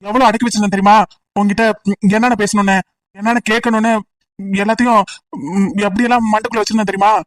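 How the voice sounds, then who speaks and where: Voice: medium pitch, level tone, quick pace, pauses often, dry recording, lightly acted. A voice actor playing a clingy young male student who stammers and sulks at his friend, as comic voice acting on a distant, dry mic. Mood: sulky. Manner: hesitant, sulky, stammering.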